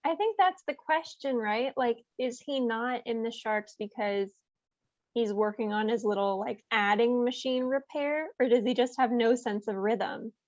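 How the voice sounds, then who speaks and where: A woman's voice: on the high side, measured pace, darkish tone, no room sound. A young woman co-hosting a podcast, speaking in a laid-back, wry way and laughing often. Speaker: podcast co-host. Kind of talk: casual chat. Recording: dry, dull lo-fi sound.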